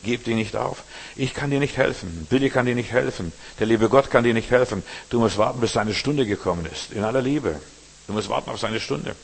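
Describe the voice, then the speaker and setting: A male pastor delivering a sermon with a husky, slightly rough voice. He drives points home by repeating them and drops suddenly to near-murmurs before rising again. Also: fairly quick. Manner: preaching with emphatic repetition and sudden shifts between loud calls and low murmurs.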